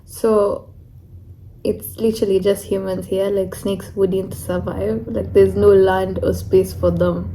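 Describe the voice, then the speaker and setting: Young woman vlogging, mellow voice, candid and chatty, lots of "like". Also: medium pitch, flat delivery, slow, a little hiss or hum, low-quality recording. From Kenya. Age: young adult. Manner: candid, chatty, fills with "like" and "you know". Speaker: international student vlogger. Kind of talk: casual vlog chat.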